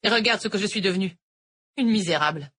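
A sharp-tongued, brooding tutor woman with a husky edge to her voice, as a reader puts her on. She rises higher and louder than the narration, turning mock-cheerful and then bitter. An Irish tutor in a storybook reading. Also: fast.

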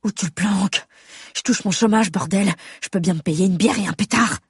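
A drunk, furious father shouts and swears for money in a husky, breathy voice, read by a woman. The sound is dry and close, with no room around it. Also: mid-range voice, moderate pace, no echo. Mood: angry demanding. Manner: coarse, demanding, swearing. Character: drunk angry father, gruff and demanding.

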